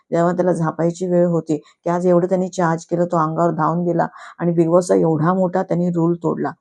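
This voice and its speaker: A woman's voice: on the low side, creaky, dark tone. A woman giving a casual, chatty review on her YouTube channel, slipping English words into her talk.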